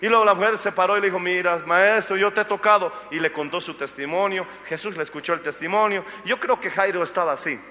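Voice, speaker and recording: A man's voice: high voice, quick pace, hardly any pauses, bright, forceful tone, big-room sound. A man preaching as a pastor, telling a Bible story and acting out its figures' lines, with jokes for the congregation. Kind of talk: sermon.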